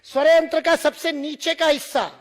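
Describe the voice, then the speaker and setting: A man's voice: very high voice, fairly even intonation, normal speed. A man from India lecturing to students, demonstrating sounds and teasing the audience with humor.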